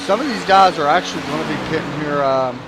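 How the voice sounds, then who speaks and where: A man's voice: fairly high pitch, fast. A man hosting his own stream and giving casual, joking race commentary, sometimes chewing as he talks. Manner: laid-back, joking, talks while chewing. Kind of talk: casual sim-racing commentary. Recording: clear background noise.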